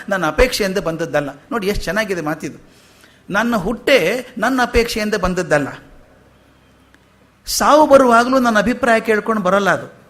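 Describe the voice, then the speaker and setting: A man with a fairly high voice delivers a spiritual discourse. He talks to his listeners in a lively, storytelling way, asking rhetorical questions and slipping in humorous asides. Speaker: spiritual lecturer. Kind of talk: philosophical discourse to an audience.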